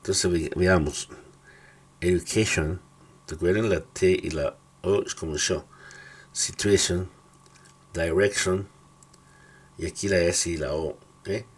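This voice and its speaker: A man's voice: sits low, slow pace, long pauses, breathy edge. A man teaching English pronunciation, patiently explaining rules and reading out word lists, checking in often with short questions.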